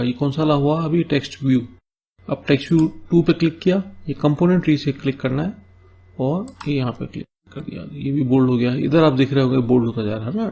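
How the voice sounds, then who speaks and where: A man's voice: mid-range voice, creaky, mellow, slightly rough. A man teaching a coding tutorial, explaining each step and often checking in with "है ना?". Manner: explains step by step, keeps asking "है ना?"; reads English task notes slowly between Hindi explanations. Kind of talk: screen-recorded coding tutorial.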